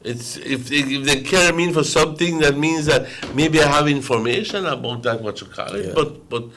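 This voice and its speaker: A man's voice: on the high side, brisk, a bit bright, a little hiss or hum. A man with a Belizean Creole accent hosting an impassioned political talk show, indignant and emphatic, repeating phrases for stress. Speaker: morning show host.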